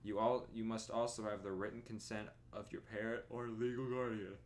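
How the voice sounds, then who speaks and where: A young man streaming from his bedroom, reading a driver's manual aloud in a plodding monotone with tired asides. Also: lowish voice, fairly quick, slight background noise. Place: bedroom at home.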